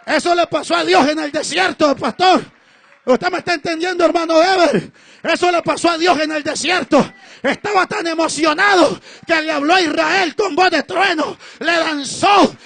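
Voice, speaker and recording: A pastor in full cry, shouting his sermon in a strikingly high voice with emphatic, repeated refrains. The sound is bone-dry and close, with no echo around him. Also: vocal fry. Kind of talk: impassioned sermon.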